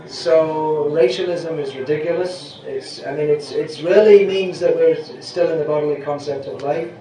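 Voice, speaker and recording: This older man, speaking as a spiritual teacher in a relaxed question-and-answer session, has a warm tone and a voice on the high side, at normal speed. He meanders, cuts himself off mid-sentence to begin again, and sometimes chuckles, all in an echoey room with faint noise behind him.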